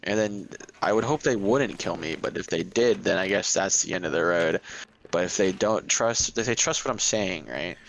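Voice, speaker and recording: A young man co-hosting a podcast in casual chat, rambling and halting with lots of fillers and restarts. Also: sits low, gravelly, fairly bright tone, a little hiss or hum, rough recording. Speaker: podcast co-host.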